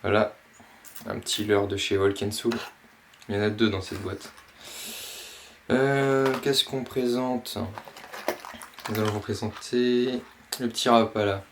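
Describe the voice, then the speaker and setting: A man casually presenting and unboxing a box of fishing lures, pausing often with fillers. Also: lowish voice, fairly even intonation, a little hiss or hum. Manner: slow, hesitant, many fillers. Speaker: fishing vlogger.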